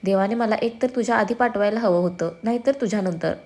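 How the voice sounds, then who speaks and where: A woman's voice: mid-range voice, fast, darkish tone, natural voice. A woman voicing a playful, sulky young man who teases his twin brother and slips English slang into his lines. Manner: teasing, whiny, drops in English slang.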